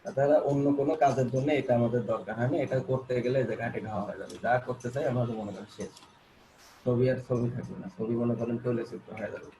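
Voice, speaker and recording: Fast-talking man teaching design software. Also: mid-range voice, fairly even intonation, noisy background. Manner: repetitive, coaxing, many fillers and restarts. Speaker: graphic design instructor. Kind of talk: screen-recorded software tutorial.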